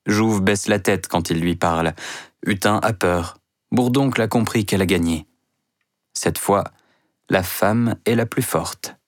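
Slow, low-voiced male storyteller. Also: no room sound, clean studio sound. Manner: slow, deliberate reading. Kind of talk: scripted narration of a simplified novel.

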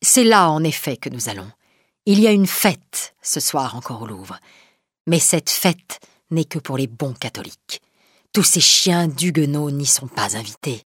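A woman doing Maurevel-type storybook villain: a sneering man with a cruel edge, lively swings in pitch, breathy. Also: measured pace, no echo, clean studio sound, full character voice. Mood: sinister. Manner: menacing, scornful. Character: scheming male killer with a cruel smile.

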